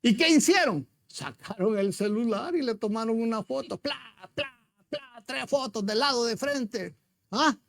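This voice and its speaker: A man's voice: very high-pitched, lively intonation, measured pace, creaky, dry recording. A man preaching a sermon as pastor, retelling a story with emphasis and rhetorical questions to his congregation.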